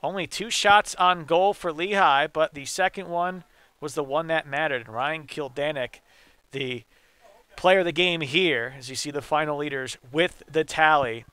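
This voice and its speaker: Crisp bright-voiced male highlights commentator. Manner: brisk play-by-play recap. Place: stadium broadcast booth.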